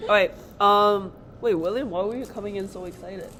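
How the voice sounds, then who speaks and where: A young woman co-hosting a casual podcast, animated and quick to laugh as she steers the chat. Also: medium pitch, very noisy. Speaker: podcast co-host.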